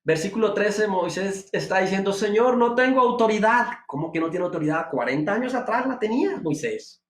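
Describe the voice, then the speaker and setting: A man preaching with a fairly high voice that climbs sharply on his emphatic rhetorical questions. He sounds like he is in an echoey room, not close on a dry mic. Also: animated, brisk. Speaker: pastor. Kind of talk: devotional sermon.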